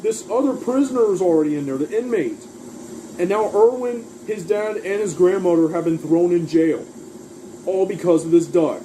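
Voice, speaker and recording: A man's voice: high voice, moderate pace, dark tone, a little hiss or hum, low-quality recording. A man casually recapping a cartoon episode, rambling through the plot and quoting lines along the way. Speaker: cartoon reviewer.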